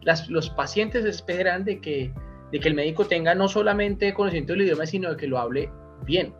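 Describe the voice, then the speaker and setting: Colombian guy doctor rambling on, kinda high voice, bit muffled w faint music under. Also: a little fast. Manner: rambling, many restarts and asides. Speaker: guest doctor. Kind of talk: casual interview talk. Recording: slightly dull audio with faint music.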